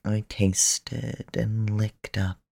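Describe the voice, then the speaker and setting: A man performing slow, intimate erotic roleplay in a soft, commanding manner that often drops to a whisper. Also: lowish voice, little pitch movement, gravelly, no room sound.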